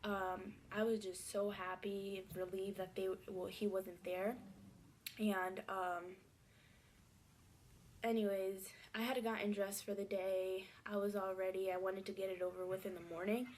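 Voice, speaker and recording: A woman recounts a personal story in a soft, hesitant voice that often sinks toward a whisper. Her pitch stays flat and level, with little rise or fall. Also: measured pace, slight background noise.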